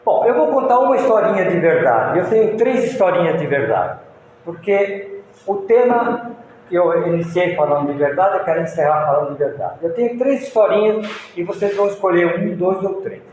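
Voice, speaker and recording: High-voiced Brazilian lecturer in a booming hall. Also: male voice, sing-song, moderate pace, a little mellow. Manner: folksy, rambling, many restarts. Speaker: spiritist lecturer. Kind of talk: moral lecture with storytelling. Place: lecture hall of a spiritist center. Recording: echoey hall, faint room noise.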